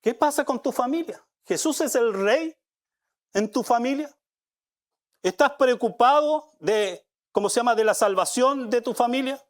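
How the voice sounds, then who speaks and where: A high-voiced man preaching a live sermon from a church pulpit. He fires repeated rhetorical questions at the congregation, dropping low and quiet, then climbing loud again. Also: lively intonation, measured pace. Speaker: pastor. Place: church sanctuary.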